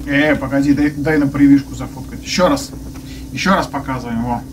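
A man's voice: medium pitch, steady tone, brisk, recorded from a distance, noisy background. A man doing casual, foul-mouthed gameplay commentary, often grumbling in exasperation. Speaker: gamer commenting on a playthrough. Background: video game music.

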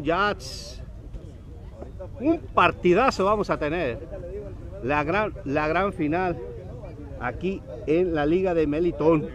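A man commentating on an amateur football match in an upbeat, effusive way. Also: sits high. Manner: effusive greetings to viewers. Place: outdoors beside a park football field. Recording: outdoor recording with faint crowd noise.

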